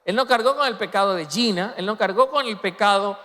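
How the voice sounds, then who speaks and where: A man preaching a sermon as pastor, swinging between loud emphatic peaks and soft, low passages. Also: brisk. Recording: long reverb of a large hall.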